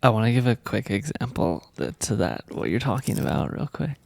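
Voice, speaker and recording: A man co-hosting a casual spiritual chat, telling a story with laughter and sudden loud, high exclamations. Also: big pitch swings, brisk, vocal fry, no echo.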